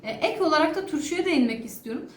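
Give me a high-pitched woman dietitian explaining things formally and quickly, recorded in an echoey room. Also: expressive. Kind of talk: informational advice to viewers. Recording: echoey room with faint noise.

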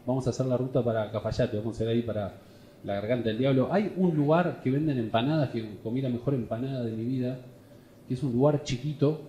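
Here a man with a mid-range, dark voice does crowd work and relaxed vlog chatter, teasing, joking and frequently laughing. He's a stand-up comedian with a Rioplatense Spanish accent. A little hiss or hum runs under the audio.

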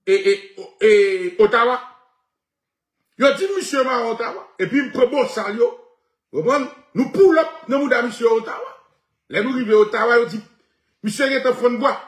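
A man tells a bragging story in a high, lively voice, laughing as he goes. The sound bounces around an echoey room. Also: moderate pace, pauses often. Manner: animated, laughing, switching between Haitian Creole and French. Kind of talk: boastful storytelling rant.

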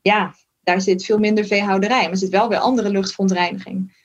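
A woman's voice: mid-range voice, steady tone, brisk, lo-fi sound. A woman from the Netherlands, a physician in training, explaining carefully in a casual podcast talk with many fillers and hedges. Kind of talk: casual conversation.

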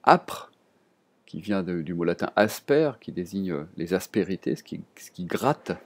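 A man teaching a vocabulary lesson to his students, talking in a relaxed, hesitant way with many fillers and restarts, recorded at his desk. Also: low voice, moderate pace.

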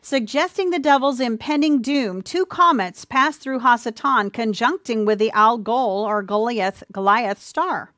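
A woman giving an earnest, sermon-style Bible teaching, speaking warmly to listeners as dear ones, with a few ums and restarts. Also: fairly high pitch, unhurried, hardly any pauses, dry recording, clean studio sound. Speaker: presenter of a church teaching.

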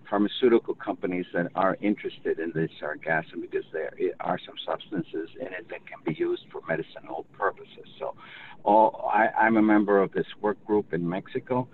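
An older man speaking over the phone in an unscripted webinar discussion, explaining at length with many restarts. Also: deep voice. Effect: heard over the phone. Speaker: industry representative in a webinar. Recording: tinny phone line, faint noise.

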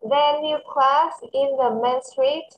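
A woman with a Vietnamese accent teaching English to a child over a video call, switching between English and Vietnamese and reading English phrases slowly. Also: high voice, steady tone, lo-fi sound, slight background noise. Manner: mixes English and Vietnamese, slow careful English. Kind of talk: online English lesson for a child.

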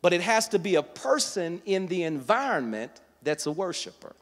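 Male preacher, sermon, lively rising and falling pitch, fairly high voice, long hall reverb. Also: moderate pace. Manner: teaching verse by verse, builds to loud emphatic passages. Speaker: guest preacher. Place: church sanctuary.

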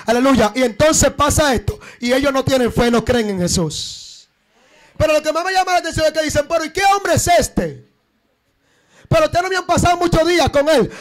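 A very high-pitched man with a Dominican accent preaches a fiery Pentecostal sermon at a night church service. He swings between impassioned shouts and low murmurs, now and then breaking into tongues. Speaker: evangelist preacher.

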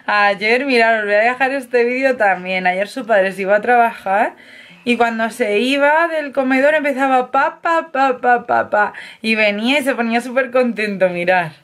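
A woman's voice: on the high side, normal speed, a bit bright. Chatty young woman vlogging. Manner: chatty, affectionate, breaks into baby talk. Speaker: vlogger mother. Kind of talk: casual family vlog.

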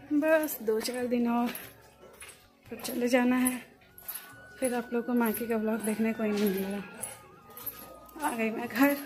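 A young woman, chatting casually as she walks around her home for her vlog. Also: on the high side. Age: young adult. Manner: chatty, walking and showing around the house. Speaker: vlogger.

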